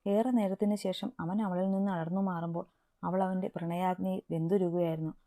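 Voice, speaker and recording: Woman storyteller, low warm voice, calm even read, dry close sound. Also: a little fast, dry recording. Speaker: story narrator. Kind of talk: reading a romance story aloud.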